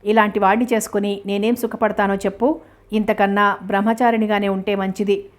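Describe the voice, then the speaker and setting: A woman reading the part of an independent young woman who answers with sarcastic, defiant remarks in a flat, even voice. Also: mid-range voice, fairly quick, lightly acted. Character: sharp-tongued, independent young woman, Neeraja.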